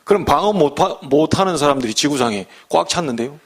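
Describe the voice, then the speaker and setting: Male pastor, middle-aged, animated high-pitched delivery, humorous folksy sermon with rhetorical questions. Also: quick pace, husky.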